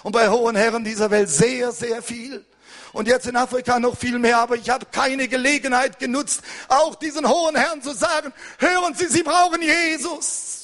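An older man preaching an impassioned sermon as pastor, hurried and fervent, at times rising to a shout. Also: extremely high pitch, fairly even intonation.

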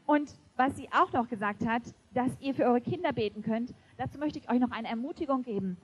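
A woman preaching a sermon to a congregation, emphatic and lively, often laughing. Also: on the high side, brisk, lo-fi sound, a little hiss or hum. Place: church before a congregation.

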